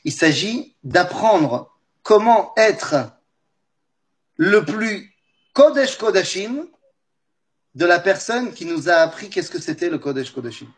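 A man teaching a religious class, telling a story in an animated way and speaking straight to his listeners. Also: high voice, slow, long pauses. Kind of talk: lively storytelling lesson.

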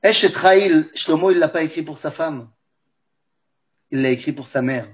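A man teaching a religious class, telling a story in an animated way and speaking straight to his listeners. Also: on the high side, moderate pace. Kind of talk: lively storytelling lesson.

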